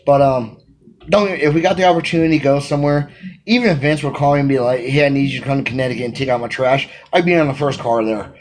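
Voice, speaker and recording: A fast-talking man in his thirties with a mid-range voice works as a wrestling manager and here reads interview questions aloud before answering them. Energetic and emphatic, with lots of gestures, he speaks into a phone camera at arm's length in a small room at home, captured in a rough recording.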